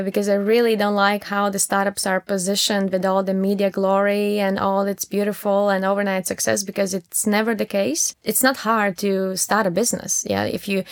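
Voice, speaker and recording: A woman in her thirties from Latvia with a Latvian accent, a startup founder answering interview questions haltingly, with many restarts and fillers. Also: mid-range voice, vocal fry, no room sound, clean studio sound. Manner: halting, many repeated words and fillers, laughs often.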